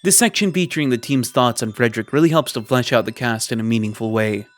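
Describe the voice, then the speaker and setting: Over background music, a medium-pitched man hosts a video essay, reading scripted commentary in a measured, wry tone and drawing out words for emphasis.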